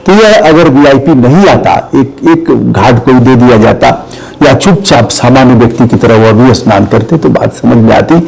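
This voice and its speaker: Indian guy ranting hard on a talk show, rough gravelly voice, bit husky. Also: medium pitch, moderate pace, darkish tone, rough recording. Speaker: journalist guest. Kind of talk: impassioned commentary.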